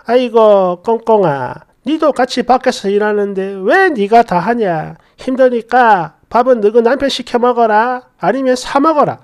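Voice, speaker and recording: A woman's voice: sits high, wildly swooping pitch, measured pace, exaggerated voice. A woman voicing a middle-aged mother-in-law who nags in a tut-tutting, passive-aggressive way. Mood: sighing. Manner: tut-tutting, scolding through sighs.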